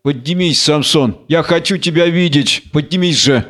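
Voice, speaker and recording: A man's voice: fairly high pitch, moderate pace, fairly bright tone, close to an everyday voice. Man putting on a shaken young noblewoman.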